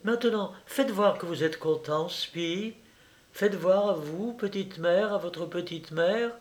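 A man's voice: high voice, takes it slowly, pitched above the performer's own voice. A man voicing an affected young woman who gushes and coos baby talk at her little dog. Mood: cooing. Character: gushing, affected young Parisian woman fussing over lapdog.

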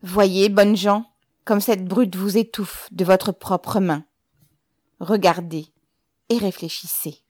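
A woman voicing a defiant peasant man, loud and forceful, slow deliberate words, dry sound. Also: lowish voice, no echo. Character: defiant bold male peasant rebel.

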